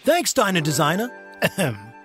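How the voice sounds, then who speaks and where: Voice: mid-range voice, wildly swooping pitch, moderate pace. An actor voicing a dim, affable male magician and model in a cartoon, showy and dopey. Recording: music behind. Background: cartoon score.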